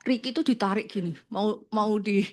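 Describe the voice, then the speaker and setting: A woman guest who works as a financial planner, telling animated anecdotes in casual conversation and laughing often. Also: mid-range voice, normal speed. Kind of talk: conversational storytelling.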